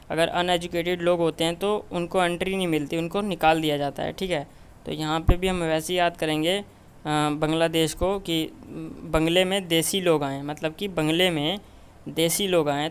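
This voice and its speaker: A man's voice: fairly high pitch, a little hiss or hum. A man teaching a memory tutorial, explaining step by step and checking in with "okay" after nearly every phrase. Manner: repeats "ठीक है" and short checks constantly. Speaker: memory trainer teaching mnemonics.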